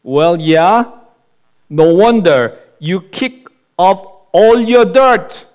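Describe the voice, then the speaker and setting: A very drunk bar patron, blunt and wry, as a preacher acts him out. He answers in a raised, somewhat higher voice, unhurried and clear, as if stating the obvious. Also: lively intonation, darkish tone, full character voice.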